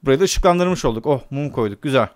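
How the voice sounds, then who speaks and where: A man's voice: medium pitch, expressive, a little fast, dry recording. A man giving casual let's play commentary on a horror game, talking to himself and the game and repeating words. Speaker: gamer playing a horror game.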